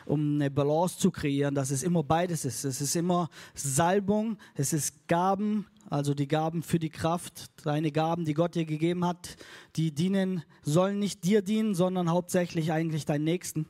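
A man delivers a sermon to his congregation in a church hall. His voice sits fairly high for a man. His delivery is casual and upbeat, with English phrases slipped in, and he leads the room in call and response. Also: fairly even intonation, moderate pace, dark tone. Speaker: pastor.

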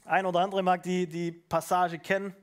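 A man with a high voice preaches a sermon. He talks to the congregation in a casual way, with lively asides and questions. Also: moderate pace. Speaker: pastor.

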